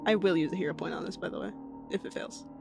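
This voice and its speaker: A woman's voice: on the low side, fast talker, creaky, music in the background. A woman playing a tabletop game, chatting casually and explaining the rules. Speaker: player.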